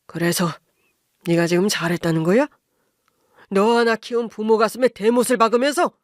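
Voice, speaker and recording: A woman voicing a stubborn middle-aged father, gruff and accusing in a dry, close recording. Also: medium pitch, normal speed, no echo, lightly acted. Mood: indignant.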